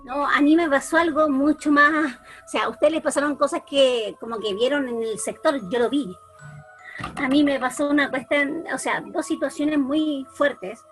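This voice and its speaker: A Chilean woman with a high voice tells a story to a group on a video call. She talks in an animated way, doubling back and repeating herself, while faint music plays behind her. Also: moderate pace. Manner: animated, lots of restarts and repeats. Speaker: church youth leader.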